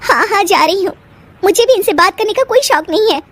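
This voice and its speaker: A woman voicing a sharp-tongued, defiant young wife in a cartoon, with shrill retorts. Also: lively intonation, normal speed. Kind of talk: cartoon voice acting.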